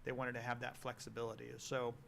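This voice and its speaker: A man on a town's planning staff, explaining policy to a council in a halting, explanatory way on a meeting microphone. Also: medium pitch, completely flat delivery, vocal fry, a bit bright, a little hiss or hum. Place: town meeting room.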